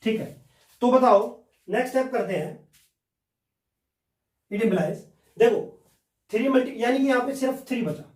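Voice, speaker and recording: High-voiced maths teacher in an echoey room. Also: male voice, moderate pace, pauses often, a little mellow. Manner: explains step by step, keeps asking and answering his own questions. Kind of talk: blackboard maths lesson. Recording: echoey room, mic at a distance.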